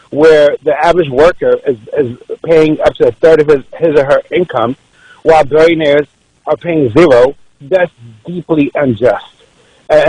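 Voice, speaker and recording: A man's voice: a little high, darkish tone, breathy edge, no room sound, rough recording. A man from Ethiopia, a political candidate guesting on a radio show, making his case earnestly and often repeating words as he restarts. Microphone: radio studio microphone.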